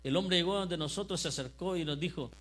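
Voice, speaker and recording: A male pastor preaching a sermon in church. He speaks with impassioned fervor, builds to loud emphatic declarations, and keeps asking the congregation questions. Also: fairly high pitch, a little fast, poor audio.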